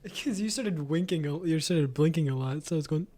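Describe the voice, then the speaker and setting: A young man co-hosting a podcast, dropping silly deadpan one-liners in casual chat. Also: on the high side, brisk. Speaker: podcast co-host.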